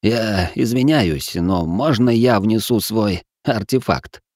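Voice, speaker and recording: A man's voice: fairly low pitch, takes it slowly, darkish tone, dry recording, studio quality. A man voicing a sheepish, apologetic old wizard who teaches magic, in an audiobook reading. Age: older. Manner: apologetic, sighing.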